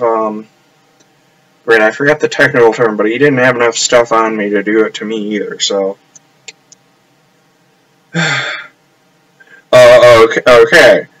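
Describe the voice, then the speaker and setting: A man's voice: mid-range voice, fairly bright tone, low-quality recording. Man, rambling live stream chat, loose and meandering, home apartment. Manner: rambling, restarts often, laughs to himself. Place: upstairs apartment in a house.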